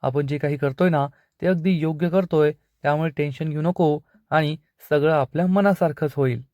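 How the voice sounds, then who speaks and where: A composed woman reassures her frightened friend in a soothing way, read by a man narrating a serial recap. The tone is mellow and a little high, and the sound is dry and close. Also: moderate pace, no room sound, close to an everyday voice. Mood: reassuring. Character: calm reassuring woman, elder-sister figure.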